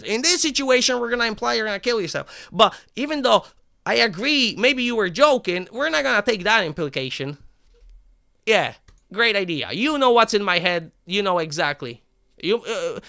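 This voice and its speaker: A man livestreaming a game and ranting to his chat, profane and combative, swinging between animated outbursts and flat calm, with a habit of asking "right?". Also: high-pitched, gravelly, no echo, clean studio sound. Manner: repeats "right?" and restarts words. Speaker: live game streamer talking to chat. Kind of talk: unscripted stream rant.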